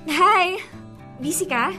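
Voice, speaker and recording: In a Filipino radio drama, an actress with a Filipino accent plays a sweet, devoted young girlfriend, pleading and coaxing in a playful, teasing, emotive way. She uses a full character voice with extremely high pitch and lively intonation, speaking slowly over music.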